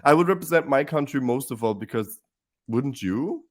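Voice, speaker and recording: An Austrian man, a German speaker, guesting on a casual podcast chat, playful and quick to laugh. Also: mid-range voice, lively intonation. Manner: playful, breaks into laughter, acts out quotes.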